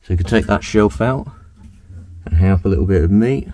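A man with a low, mellow voice wanders through an old ruin, thinking aloud as he goes. His curious, casual narration drifts from one find to the next. He is recorded outdoors on a handheld camera. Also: a little fast. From Australia. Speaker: exploration vlogger. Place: outdoors at a ruined house.

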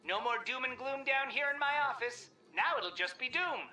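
An actor voicing a brisk, wisecracking male boss. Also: very high voice, lively intonation, bright, forceful tone, reverberant, exaggerated voice. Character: joking male boss in his office.

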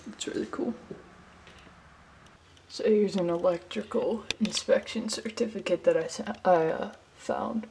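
A woman's voice: medium pitch, measured pace, vocal fry, low-quality recording. A young woman vlogging as she explores an abandoned amusement park, chatting casually and trailing off with fillers, recorded on a handheld camera. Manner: chatty, filler-heavy, hushed asides. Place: abandoned amusement park, indoors and outdoors in woods. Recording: handheld camera with loud background noise.

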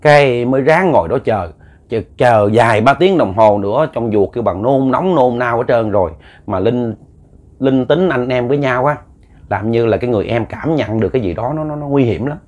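Male storyteller, Southern Vietnamese accent, mid-pitched, folksy and rambling, trips over repeated words. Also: lively intonation, brisk, a little mellow. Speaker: ghost story narrator. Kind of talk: spoken ghost story narration.

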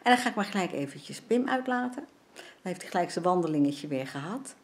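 An older Dutch vlogger with a lowish, expressive voice speaks briskly from her home. She chats casually about her sewing and cooking, dropping in plenty of fillers.

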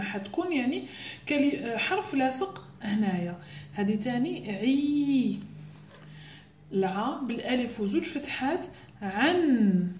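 A woman's voice: on the high side, a little mellow, a little hiss or hum. A woman teaching letters, echoey room. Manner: explains patiently, sounding out syllables slowly. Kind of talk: home lesson on Arabic letters for parents.

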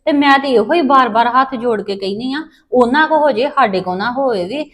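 A woman with a Punjabi accent, acting in a family drama, speaking soft and earnest. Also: on the high side, fairly quick.

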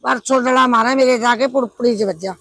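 A woman's voice: fairly high pitch, quick pace, gravelly, fairly bright tone, no echo. A woman playing a gossipy, complaining old village woman, with a Punjabi accent. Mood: gossiping. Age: older. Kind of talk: village comedy drama.

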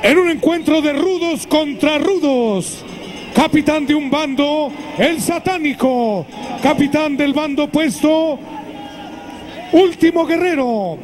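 A man's voice: extremely high pitch, takes it slowly, crowd noise, noisy background. A man giving a dramatic, bombastic scripted introduction as a lucha libre announcer, with emphatic phrasing. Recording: music behind the voice. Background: music.

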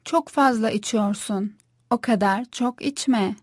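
A woman repeats short course phrases in a clear, careful reading. Her voice sits a little high. The recording is dry and close. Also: slow pace, no echo. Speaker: Turkish phrase reader.

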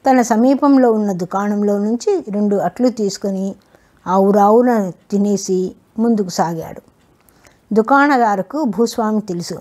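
Brief: woman storyteller, steady and measured, warm mellow tone. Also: mid-range voice. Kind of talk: storybook narration.

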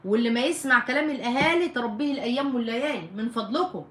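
A woman's voice: fairly high pitch, lively intonation, very fast, fairly bright tone, echoey room. A middle-aged woman with an Egyptian Arabic accent, a family counselor hosting a live stream, reading viewer comments and giving firm, emphatic advice.

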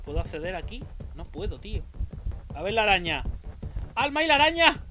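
A young man from Spain with a Spanish accent, streaming a game and talking through it, excitable and swearing often. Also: high-pitched, a little fast, noisy background. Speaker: gameplay streamer. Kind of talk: let's play commentary. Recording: game music playing behind.

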